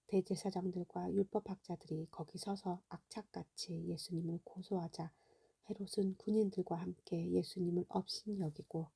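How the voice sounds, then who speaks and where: A woman reading scripture aloud in a soft, hushed bedtime voice that slips into a half-whisper. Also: fairly low pitch, gravelly, slightly rough. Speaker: Bible reader.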